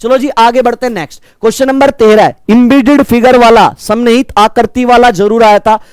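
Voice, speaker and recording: A man with a naturally loud voice teaching a live online reasoning lesson, energetic and quizzing his students like brothers. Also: very high-pitched, fairly quick, smooth, no echo, clean studio sound. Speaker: reasoning teacher for exam prep.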